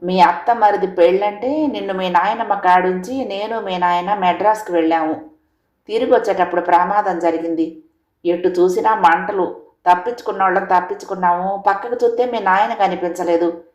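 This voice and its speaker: A woman voicing an elderly village mother who speaks gently and consolingly in a storybook reading. The recording has a roomy echo. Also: medium pitch, moderate pace, natural voice. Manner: gentle, consoling rural speech. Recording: echoey room.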